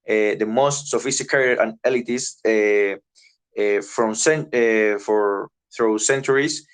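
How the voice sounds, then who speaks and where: A young man presents his part of a class project in a smooth, clear voice that sits a little low. He stumbles often, repeating words and stopping to think as he reads through his points. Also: fairly bright tone. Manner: halting, many repeated words and pauses. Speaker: student presenter.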